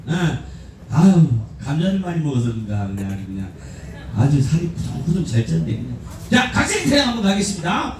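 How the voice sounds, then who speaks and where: A man's voice: a little high, a little mellow, slight background noise. A man from Gangwon Province leading a street performance troupe, joking crudely with the crowd in outdoor stage banter. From Gangwon Province, Korea. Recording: echoey outdoor sound, far from the mic.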